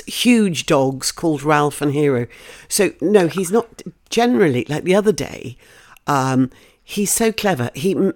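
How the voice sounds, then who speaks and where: A woman's voice: low-pitched, a little mellow. A woman presenting a radio show, chatting effusively with a guest and laughing often. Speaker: radio host. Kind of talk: casual radio chat.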